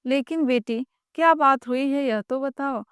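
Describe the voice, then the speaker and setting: A woman's voice: high-pitched, a little slow, dry recording, clean studio sound. A woman voicing an older father-in-law who answers in a curt, dismissive way.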